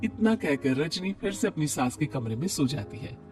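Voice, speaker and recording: A man narrating a cartoon story in a measured storytelling manner. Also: a little high, very animated, darkish tone, soft background music.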